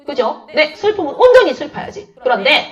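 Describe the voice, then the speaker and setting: A woman's voice: high-pitched, fairly quick. A woman literature teacher lecturing in a chatty way, telling anecdotes and acting out the lines of the people in them. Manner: chatty, animated storytelling, acts out dialogue. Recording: dull, slightly distant lo-fi sound.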